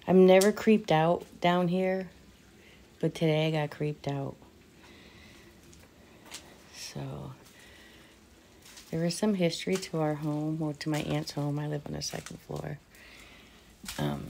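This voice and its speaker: A middle-aged woman, nervous and casually profane, vlogs a ghost hunt in a large old cellar. Her low-pitched, creaky, mellow voice keeps a fairly even intonation at a measured pace, broken by long pauses, with a little hiss or hum. The camera goes from a tripod to handheld, capturing her from a distance in the echoey basement.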